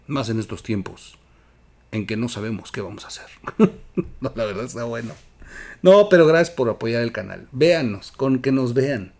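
A man with a Mexican accent hosting a political commentary show, emphatic, with loud outbursts and quiet asides. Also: medium pitch. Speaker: news commentary host.

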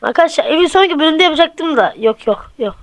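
A woman's voice: high voice, expressive, fast talker, no room sound, poor audio. A woman hosting a gameplay channel, chatting casually to viewers and counting blocks aloud as she builds. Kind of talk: casual let's-play commentary.

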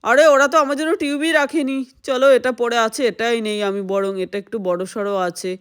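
A woman telling a lively doll play story and voicing all the dolls. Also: on the high side, moderate pace, clear, resonant tone. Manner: lively, plays every doll's voice.

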